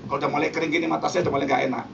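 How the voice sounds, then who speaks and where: A woman preacher, giving a lively, joking sermon to a church congregation and acting out quoted voices. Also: low voice, very fast, vocal fry, background noise. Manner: animated, jokey, mimics voices for effect. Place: church hall before a congregation. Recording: distant, dull live church recording.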